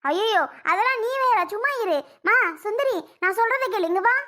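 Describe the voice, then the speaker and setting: A woman plays a bossy, fussing village neighbour in a cartoon. She scolds and coaxes loudly in a very high, sharp voice. Her southern Tamil accent comes through clearly. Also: normal speed. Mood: scolding. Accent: southern Tamil (Kanyakumari-Tirunelveli). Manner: loud, scolding and coaxing. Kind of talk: cartoon voice acting.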